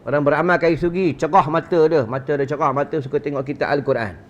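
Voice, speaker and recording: A religious teacher with a Malaysian Malay accent lectures at a mosque gathering, talking fast in a slightly high voice with fairly even intonation. He's rhetorical and joking and quizzes his audience, captured on a dull lo-fi recording.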